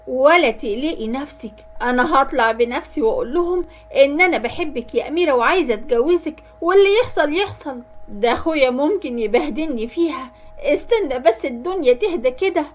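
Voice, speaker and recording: A woman's voice: sits high, animated, quick pace, faint music behind. A woman with an Egyptian accent voicing an eager young man in love, reassuring and pleading. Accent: Egyptian Arabic.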